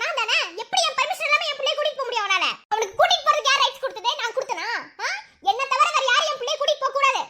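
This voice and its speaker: A voice actor doing a desperate high-voiced cartoon mother. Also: bright, forceful tone, exaggerated voice. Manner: pleading, repeats words. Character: grieving young mother, fierce and desperate. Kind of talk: animated cartoon voice acting.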